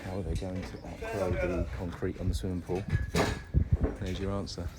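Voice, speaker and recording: At a noisy outdoor building site, a man with a deep, fairly flat voice explains his house construction one step at a time at a moderate pace. His delivery is chatty and loaded with ums.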